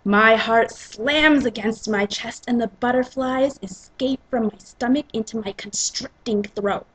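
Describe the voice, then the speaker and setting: Female narrator, breathy and husky, dramatic reading of romance fiction. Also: on the high side, measured pace, rough recording. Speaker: reader and narrator.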